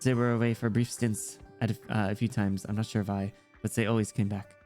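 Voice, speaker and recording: With music playing behind him, a man briskly reads visual-novel dialogue for an earnest, proud ten-year-old girl, keeping it plain and storylike. His voice is fairly low, level, and a little mellow, with just light acting.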